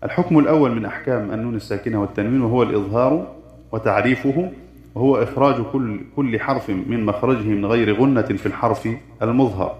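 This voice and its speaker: A man teaching the rules of Quran recitation, chanting verses of a poem and then explaining them in measured, formal tones. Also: medium pitch. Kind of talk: lesson explaining a didactic poem. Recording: dull echoey room recording.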